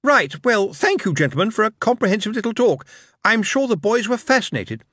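A man voicing a polite, harried middle-aged mother who asks questions in a raised pitch. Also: huge pitch swings, brisk, fairly bright tone, breathy edge, no echo, clean studio sound, exaggerated voice.

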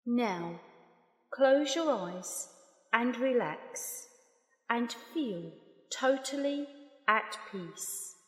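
A woman slowly leading a guided meditation in a calm, soft, unhurried voice with long pauses. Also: a little high. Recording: roomy long reverb.

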